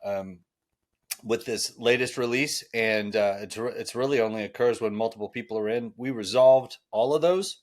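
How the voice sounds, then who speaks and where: A man's voice: mid-range voice, moderate pace. A man hosting a casual podcast, friendly and rambling with lots of fillers. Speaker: podcast host.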